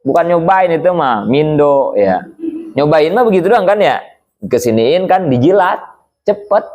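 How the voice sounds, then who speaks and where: A man teaching an Islamic study lecture in a conversational way, acting out the pleading cries of the dying. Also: fairly high pitch. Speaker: religious teacher.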